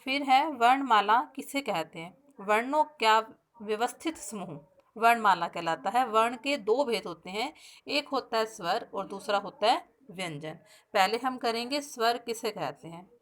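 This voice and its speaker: A woman teacher giving a recorded grammar lesson to pupils, explaining step by step, asking the class questions and slowing down to spell out sounds and example words. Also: fairly high pitch, expressive, fairly bright tone. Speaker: school teacher.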